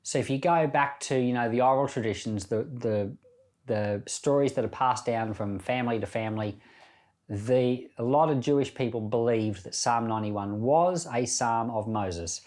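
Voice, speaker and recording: On a Bible podcast, a male pastor with a middle-pitched, somewhat dark voice reads scripture and reflects on it conversationally at normal speed, in the style of informal devotional teaching.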